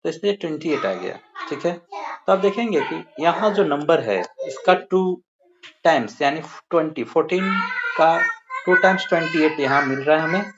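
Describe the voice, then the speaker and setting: A patient maths teacher walks pupils through each sum step by step, counting the figures aloud and calling the class dear children. The voice sits at a middling pitch. The recording is slightly muffled, with a faint hiss underneath. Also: lively intonation, normal speed.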